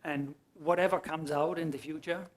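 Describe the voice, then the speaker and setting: A man's voice: on the high side, steady tone, moderate pace. A man giving a conference talk, explaining his answers to audience questions and often restarting his sentences. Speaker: conference speaker. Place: conference hall.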